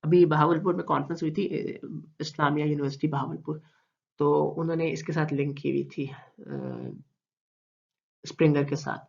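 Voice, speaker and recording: A man with a Pakistani Urdu accent giving a recorded online lecture, explaining slowly with repeated terms and many fillers. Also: on the high side, little pitch movement, creaky. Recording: dull lo-fi recording.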